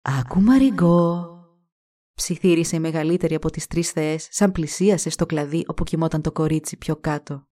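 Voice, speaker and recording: A woman's voice: low-pitched, flat delivery, mellow. A woman narrating a folk fairy tale expressively, giving each character a voice of her own. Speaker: storyteller.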